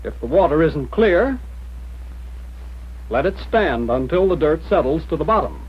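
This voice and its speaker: Here a training film narrator, an American man, reads 1940s military instructional copy in a husky, rather high voice. He is animated but keeps a measured pace, with a plain, direct, instructive delivery on a muffled, dull soundtrack.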